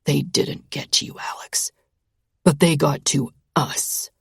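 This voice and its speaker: Woman voicing a low, rasping, menacing young man. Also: fairly even intonation, slow, no room sound, whispered, studio quality, heavily acted. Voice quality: low threatening rasp. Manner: speaks through gritted teeth, sneering. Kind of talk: whispered audiobook narration.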